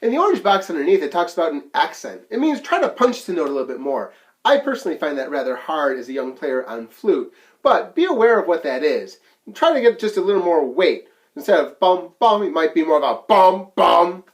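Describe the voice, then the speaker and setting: A man's voice: fairly high pitch, big pitch swings, brisk. A man teaching a flute lesson, counting beats aloud and explaining each musical term plainly. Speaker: band teacher.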